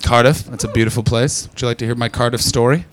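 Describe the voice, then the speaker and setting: A man doing stand-up crowd work, brash and profane, teasing the audience and breaking into loud shouts. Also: medium pitch, fairly even intonation, quick pace. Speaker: stand-up comedian. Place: London comedy club.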